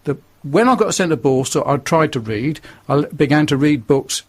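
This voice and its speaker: On a radio program, an older man with a northern English accent sincerely recounts his life. His voice sits on the high side, with lively intonation and a moderate pace.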